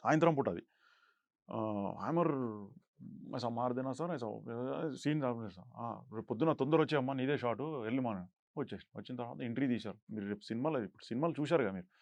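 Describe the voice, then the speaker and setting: Telling stories as an actor guest in an interview, this young man speaks fast in a mid-range, darkish voice, and he raises it to act out the quotes. The recording is dry and sounds dull.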